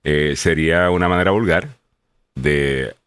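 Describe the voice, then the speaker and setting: A man's voice: a bass voice, measured pace, fairly bright tone, clear, resonant tone, dry recording. A man with a Puerto Rican Spanish accent co-hosting a podcast, chatting casually and joking as he reads out listener comments, with lots of fillers. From Puerto Rico. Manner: joking, rambling with many fillers. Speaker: podcast co-host.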